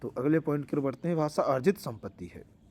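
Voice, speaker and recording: A man's voice: on the high side, animated, brisk, creaky, darkish tone. A man teaching a language lecture for exam preparation, explaining with fillers and restarts.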